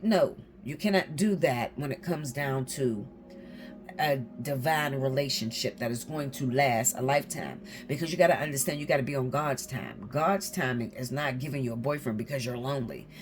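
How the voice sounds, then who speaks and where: A woman's voice: very deep voice, moderate pace, music in the background. A woman giving a casual tarot reading to her viewers, blunt and swearing freely, often checking in with "okay?". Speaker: tarot reader.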